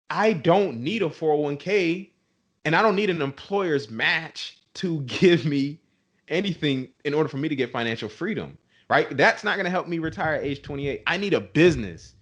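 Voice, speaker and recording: A man's voice: a little high, animated, normal speed, fairly bright tone. A young man co-hosting a podcast, ranting with heavy emphasis and calling listeners "bro". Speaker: podcast co-host. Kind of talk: passionate podcast rant.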